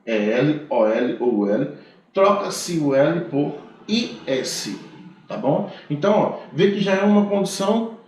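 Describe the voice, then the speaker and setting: Brazilian man, teacher, patient step-by-step explainer, slightly high voice, very roomy echo. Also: a little mellow. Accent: Brazilian Portuguese. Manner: explains step by step, frequent "tá certo?" checks. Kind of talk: grammar lecture. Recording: very echoey room.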